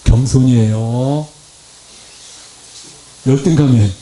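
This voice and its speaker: A man's voice: slow, noisy background. A man preaching a Sunday sermon in a church, telling stories, putting questions to the congregation and acting out quoted speech. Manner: lively storytelling, asks the congregation questions; acts out quoted Bible speech with big pitch swings. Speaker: lay preacher.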